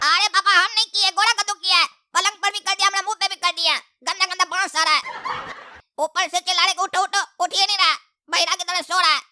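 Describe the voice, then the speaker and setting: A cheeky cartoon boy, voiced by a woman who teases his father in long sarcastic rambles. His voice sits extremely high and sounds sharply bright. He breaks into shouts and laughter. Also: steady tone, fast talker, exaggerated voice. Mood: mocking. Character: cheeky young boy, mouthy and teasing.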